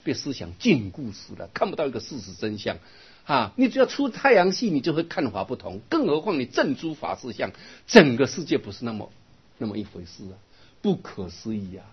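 An older man, a Buddhist monk, giving a dharma lecture, telling stories lively and turning to his listeners with asides. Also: medium pitch, a little fast, breathy edge. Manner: lively storytelling with laughs and asides to the audience. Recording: dull lo-fi recording.

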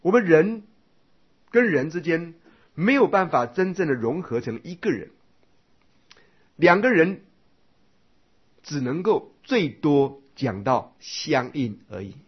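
Husky-voiced man giving a Buddhist lecture. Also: on the high side, big pitch swings, slow, pauses often. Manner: explanatory, asks rhetorical questions often. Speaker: Buddhist teacher. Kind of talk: dharma lecture. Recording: dull lo-fi lecture recording.

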